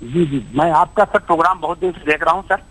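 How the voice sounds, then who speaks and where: A man's voice: on the high side, fast, fairly bright tone, husky. Deferential male caller on a breaking-up mobile line. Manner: deferential, keeps saying sir. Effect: breaking-up mobile phone line. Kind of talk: call-in question to a TV astrologer.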